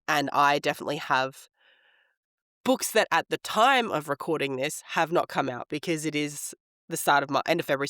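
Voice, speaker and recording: A man hoarse from a head cold, with a smoker's rasp, chatting casually and informally as a podcast co-host. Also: a little high, pushed and bright, no echo, clean studio sound. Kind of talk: casual chat about books.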